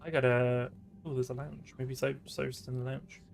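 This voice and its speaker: A man's voice: mid-range voice, flat delivery, fairly quick, gravelly, darkish tone. A man doing casual let's-play commentary, rambling as he narrates what he does. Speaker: gaming commentator.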